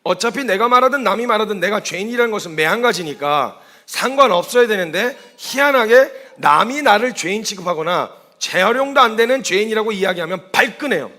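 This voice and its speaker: A male missionary preaching at a quick clip with a high, bright, forceful voice. He tells stories and throws out rhetorical questions, slipping into quoted speech along the way. The delivery stays animated throughout. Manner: storytelling, asks rhetorical questions. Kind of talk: sermon.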